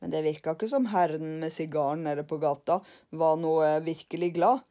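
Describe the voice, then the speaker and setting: An older woman reading a children's book aloud to her grandchildren, expressive and sometimes dropping to a hush. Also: deep voice. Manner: expressive, warm storytelling, hushing for quiet scenes.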